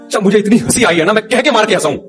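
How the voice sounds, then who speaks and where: A man's voice: sits high, animated, racing, soft background music. A middle-aged man, an Islamic cleric, giving an informal religious talk, telling stories with humor and chuckling as he goes.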